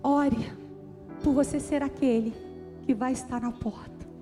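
A woman's voice: high-pitched, steady tone, unhurried. A woman with a Brazilian Portuguese accent preaching a sermon, telling a personal story earnestly and building to emphatic appeals. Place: church auditorium. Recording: church hall with long reverb, faint music.

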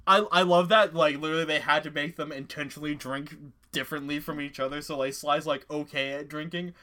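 A young man chatting casually about video games with friends. He gets excited, laughs often and swears. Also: a little high. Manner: excitable, laughing, swearing, quick quoted bits. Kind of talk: casual gaming chat.

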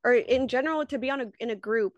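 A woman's voice: a little high, quick pace, dry recording, dull audio. A young woman co-hosting a podcast in casual chat, earnest and empathetic, often giggling. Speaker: podcast co-host.

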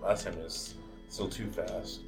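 A man with an Arizona American accent and a fairly low voice hosts a casual game session. He explains rules and jokes as he plays, with faint music behind him. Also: steady tone, unhurried, creaky. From Arizona, United States. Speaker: host of a group game session with interview. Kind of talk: casual chat while explaining and playing a video game.

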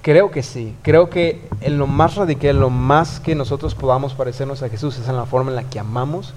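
A man's voice: mid-range voice, brisk, background noise. Earnest Mexican man reflecting on a podcast. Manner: earnest, reflective, many restarts. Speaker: youth worker. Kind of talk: casual podcast conversation.

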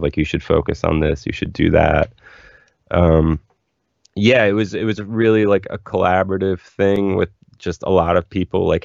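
Deep gravelly man in his forties. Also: a little mellow, no echo. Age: 40s. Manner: rambling, enthusiastic, says "like" a lot. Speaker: musician guest. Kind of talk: casual interview chat. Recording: dull, lo-fi, dry sound.

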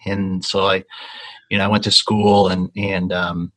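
A man's voice: low-pitched, little pitch movement, a little slow, a bit bright, rough recording. A man from Argentina, a guest in an interview, talking casually with many ums and restarts. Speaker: guest, consulting company founder.

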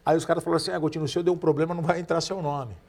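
This podcast guest, a Brazilian man in his forties, races along with a fairly high pitch and vocal fry. He tells casual, lively stories, acting out what the people in them said.

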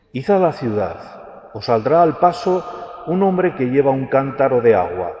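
A priest reads the gospel and preaches slowly and deliberately, drawing out key words, in a large church with a long echo. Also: male voice, mid-range voice. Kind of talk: gospel reading and homily. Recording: church with a long hall echo, dull and lo-fi, faint background hiss.

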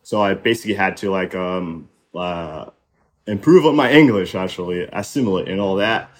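A young man who grew up in Haiti speaks in a low, fairly deep voice. He talks reflectively, pausing on fillers and restarting his sentences, in a relaxed podcast conversation. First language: French and Haitian Creole. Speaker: podcast guest. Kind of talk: casual conversation.

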